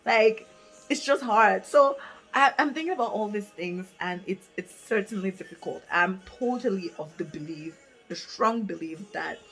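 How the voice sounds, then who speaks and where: The audio is poor, carrying a medium-pitched, creaky, somewhat bright voice. It belongs to a woman in her late twenties from Africa who vlogs casually, reflecting aloud to camera from notes via a camera mic, stumbling through fillers and restarts.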